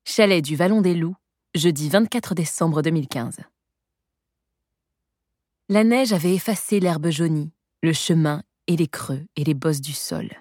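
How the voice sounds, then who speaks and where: A woman narrating a novel as an audiobook reader, in measured scripted narration. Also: low-pitched, darkish tone, dry recording, studio quality.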